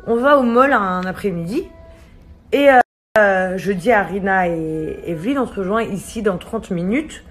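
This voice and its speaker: A young woman, a mother and vlog host, casually telling a story to camera with many hesitations and animated quoted dialogue. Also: mid-range voice, unhurried, faint music behind.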